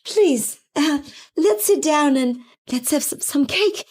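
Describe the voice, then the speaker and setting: A gentle, poor mother trying to calm a family fight, played by a woman. Her voice is high and very lively in pitch, and she speaks slowly in a pleading way. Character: poor kind older mother, gentle peacemaker.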